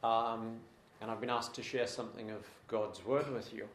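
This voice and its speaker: A man's voice: lowish voice, flat delivery, normal speed, echoey room. A man preaching a sermon to a congregation in a room, earnest and repeating his points for emphasis.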